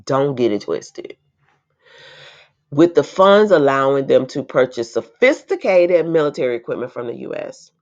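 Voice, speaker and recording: In a very animated bass voice and at a moderate pace, a woman reads an article aloud and keeps interrupting herself with indignant, emphatic comments. The sound quality is lo-fi and a little dull.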